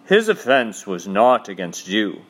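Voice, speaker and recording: A man voicing a noble lion who speaks gravely and slowly. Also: sing-song, fairly bright tone, heavily acted. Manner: grave, low and measured. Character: great grave male lion, noble and commanding.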